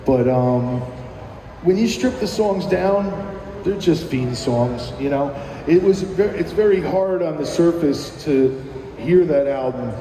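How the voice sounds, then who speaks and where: A middle-aged musician guest from New Jersey speaks slowly but animatedly, his pitch fairly high, as he rambles through casual interview memories full of fillers and restarts. The background is noisy, and the echoey room adds long reverb.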